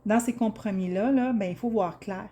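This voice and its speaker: A woman's voice: mid-range voice, moderate pace, mellow. A woman with a Québécois French accent giving a casual, enthusiastic tarot reading to viewers, chatty, with many fillers and restarts. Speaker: tarot reader.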